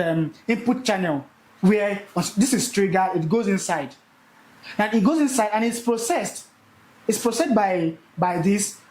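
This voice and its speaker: Animated young man teaching in an echoey room. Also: high voice, slight background noise. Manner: animated, repeats key words for emphasis. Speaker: speaker teaching a live session. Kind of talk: energetic classroom teaching.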